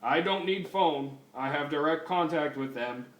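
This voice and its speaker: A man voicing a stiff, literal-minded male cyborg cop who talks flatly in broken grammar, recorded at a distance in a roomy space. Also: a little high, a little slow. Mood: matter-of-fact. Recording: roomy, distant mic, faint noise.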